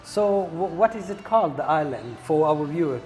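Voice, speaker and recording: A man hosting a casual interview in a coffee shop, speaking haltingly with many fillers and restarts. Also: a little high, expressive, a little mellow, faint music behind. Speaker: interview host.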